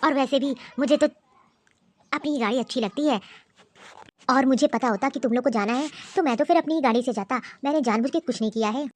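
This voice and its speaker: A woman voicing a calm, reasonable elder brother who apologizes, in a cartoon story. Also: high voice, fairly quick. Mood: apologetic. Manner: soothing, apologetic. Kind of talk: cartoon voice acting.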